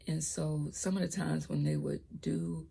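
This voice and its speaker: A young woman tells her own story in a casual vlog, a little slowly and with fairly even intonation, recorded on a laptop's built-in mic. Her low, raspy voice cracks when raised; she hesitates, trips over words and drops into soft whispers.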